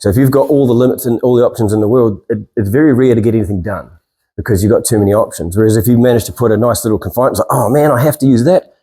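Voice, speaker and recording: A man's voice: lowish voice, racing, mellow. A middle-aged man with a New Zealand accent giving an informal talk in a self-deprecating, rambling way, with hesitant phrasing. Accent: New Zealand, with Maori greetings. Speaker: speaker and stand-up comedian. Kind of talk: informal inspirational talk to an audience.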